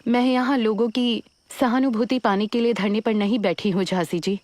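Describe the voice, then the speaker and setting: A woman's voice: a little high, fairly even intonation, normal speed, darkish tone, no echo, close to an everyday voice. A woman playing a defiant young protester. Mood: impassioned. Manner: firm, impassioned. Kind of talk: Hindi film dub. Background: film score.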